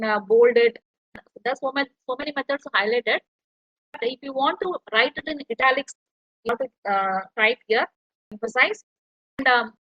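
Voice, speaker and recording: Woman lecturer, bright and fairly high voice, walks through each step as she types, dull dry call audio. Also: no room sound. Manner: explains step by step while typing. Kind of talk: online tutorial walkthrough.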